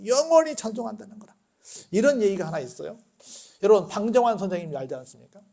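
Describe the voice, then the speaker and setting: A male pastor delivers a sermon in a church, posing questions for the congregation to answer. His voice is high for a man, and he tells stories in a lively way. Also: fast, creaky. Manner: call-and-response questions, animated storytelling. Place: church sanctuary.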